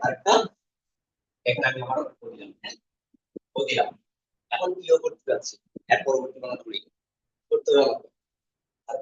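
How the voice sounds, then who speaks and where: A male language teacher leading a class, explaining vowel shapes step by step, repeating each sound and quizzing his students. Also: medium pitch. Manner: asks students questions, repeats sounds slowly. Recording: dull lo-fi classroom recording.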